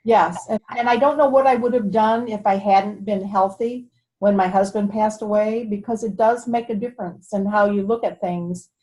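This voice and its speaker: An older woman speaking quietly over a video call. She shares her story in a soft, hesitant way, pausing often between thoughts. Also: medium pitch, steady tone, poor audio. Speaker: group member. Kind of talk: personal testimony.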